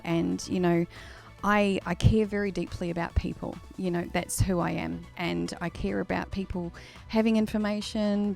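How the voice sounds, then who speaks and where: A woman talks to her livestream viewers in an earnest, heartfelt way, often repeating a word or restarting a phrase. Her voice carries a gravelly fry at the ends of phrases, and soft music plays faintly behind her. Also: mid-range voice. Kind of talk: casual livestream talk to viewers.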